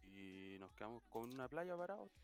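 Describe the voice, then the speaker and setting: A man's voice: mid-range voice, moderate pace. A young man with a Chilean accent, hosting a casual podcast and telling a party story with lots of slang. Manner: animated storytelling, heavy slang. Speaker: podcast host. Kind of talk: casual chat.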